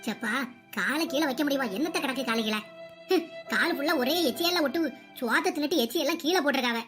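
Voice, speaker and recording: A woman's voice: sits high, quick pace, music in the background, lightly acted. A woman voicing a bossy, scolding mother-in-law in a cartoon comedy. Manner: nagging, scolding, sharp-tongued.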